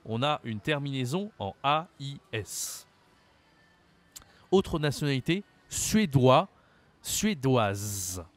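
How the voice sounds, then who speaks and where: A French man delivers a French lesson to the learner directly, over-articulating example words slowly. His medium-pitched voice is expressive, and there is no room sound.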